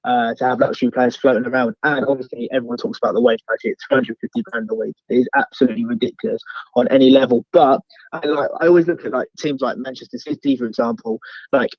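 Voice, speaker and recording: A man's voice: mid-range voice, steady tone, fast talker, no room sound. A man with an Essex accent chatting casually as a football fan calling in, rambling and repeating phrases as he goes. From Essex, England. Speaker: fan phoning in as caller. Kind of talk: casual chat. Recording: slightly dull, lo-fi call line.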